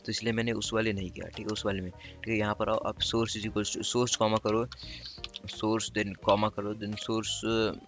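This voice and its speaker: A man's voice: fairly low pitch, little pitch movement, a little slow, fairly bright tone, soft background music. A young Indian man hosting a casual coding tutorial, chatty and repetitive, often correcting himself as he works on screen. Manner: chatty, repeats itself often, self-correcting.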